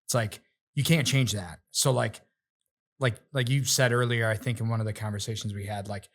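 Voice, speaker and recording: Animated man telling stories as a guest. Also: on the low side, a little fast. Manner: animated storyteller, acts out quotes in other voices. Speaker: guest, realtor and rapper. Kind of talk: casual interview chat.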